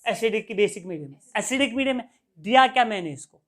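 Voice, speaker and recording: A man teaching a classroom lecture who keeps checking whether the students follow. He asks a question, repeats the key term and answers it himself in a steady call-and-response rhythm. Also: high voice, quick pace. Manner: quizzes students and answers his own questions.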